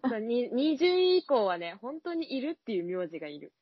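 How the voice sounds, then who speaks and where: A young woman with a fairly high, husky voice chats and giggles, tripping over syllables as she mimics how things sound. The recording is dry and a little dull. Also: big pitch swings, brisk, dry recording. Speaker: podcast co-host. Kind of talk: casual chat.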